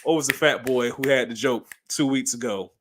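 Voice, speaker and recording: A man co-hosting a podcast, talking in casual chat with emphatic, animated bursts. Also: mid-range voice, moderate pace, a little hiss or hum. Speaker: podcast co-host.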